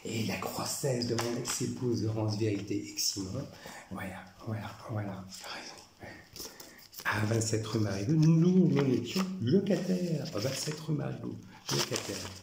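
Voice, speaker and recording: A man's voice: mid-range voice, lively intonation, measured pace, vocal fry, reverberant, noisy background. A man in his forties from France, talking through personal photos in a rambling, repetitive monologue. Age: 40s. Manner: repetitive, says "voilà" constantly.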